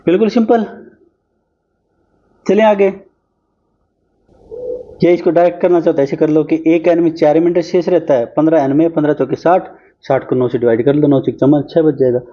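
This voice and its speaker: A man's voice: fairly high pitch, steady tone, muffled recording. A man teaching an exam-prep math lesson, talking chattily while he works through problems on screen. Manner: brisk, chatty, talks while solving on screen.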